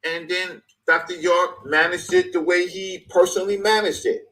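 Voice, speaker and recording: Emphatic man, 50s, higher bright voice, repeats for emphasis. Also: steady tone, moderate pace, poor audio. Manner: emphatic, repeats phrases for stress. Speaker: guest speaker. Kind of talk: passionate conversation.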